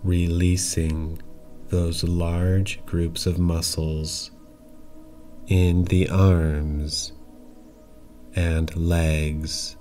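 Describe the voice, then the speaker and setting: A yoga nidra meditation guide with a deep voice leads a relaxation extremely slowly. His instructions are calm, simple, and given in short phrases split by long pauses, with faint music in the background.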